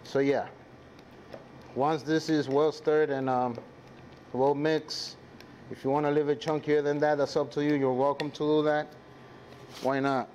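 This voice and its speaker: This live cooking class is hosted by a native Spanish speaker from the Dominican Republic, who talks casually to viewers and crew with a Dominican accent. His voice is a little high with a darkish tone, and clear sizzling and kitchen noise can be heard.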